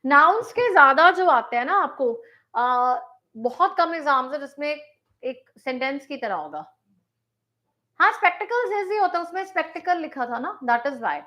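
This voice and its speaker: High bright-voiced Indian English teacher. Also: female voice, big pitch swings, rough recording. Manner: mixes Hindi and English, reads sentences slowly then explains fast. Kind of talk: live online grammar class.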